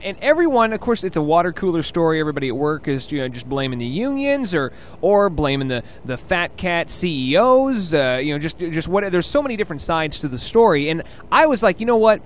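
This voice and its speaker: A man's voice: fairly high pitch, big pitch swings, a little fast, hardly any pauses, a little hiss or hum. A man co-hosting a radio talk show, rambling through stories with many restarts and fillers. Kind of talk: casual on-air chat.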